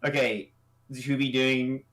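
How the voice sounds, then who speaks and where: A man's voice: mid-range voice, level tone, measured pace, fairly bright tone. Laid-back young man chatting on stream. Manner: laid-back, laughs often, trails off and restarts. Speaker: co-host judging animation entries. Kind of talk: casual livestream chat.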